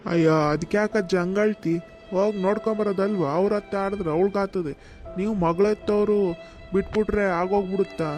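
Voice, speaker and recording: A man's voice: high voice, fairly even intonation, a little fast, a little mellow, soft background music, close to an everyday voice. A man voicing Ramesh, a chatty village man. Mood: coaxing. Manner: coaxing, scolding rural banter.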